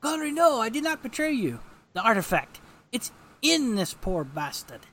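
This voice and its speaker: A man reading a game's dialogue aloud, voicing a boastful, ranting male cosmic villain in a loud, raised voice. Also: extremely high pitch, lively intonation, normal speed, a little hiss or hum, voice pushed up. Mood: accusing.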